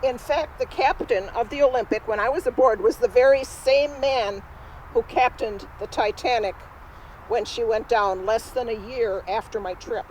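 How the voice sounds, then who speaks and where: A woman's voice: a little high, normal speed, a little mellow, a little hiss or hum, lightly acted, low-quality recording. A woman in costume playing a spirited, independent Norwegian immigrant woman, telling her story in first person straight to a live audience outdoors. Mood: chatty. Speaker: costumed re-enactor. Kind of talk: first-person historical re-enactment. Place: outdoors at a cemetery.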